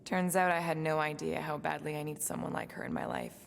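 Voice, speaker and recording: This space-born female assassin from a cinematic video game is weary and wistful, her low, gravelly-fry voice showing little pitch movement. She speaks guardedly and reflectively, with pauses along the way. Faint noise sits in the background.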